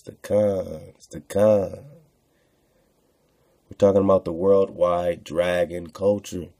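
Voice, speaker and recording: A man with a deep, gravelly, mellow voice, recorded without echo, runs a radio show. He reads texts aloud, tosses in informal commentary, and uses a rhetorical, preacher-like delivery full of emphatic repetition.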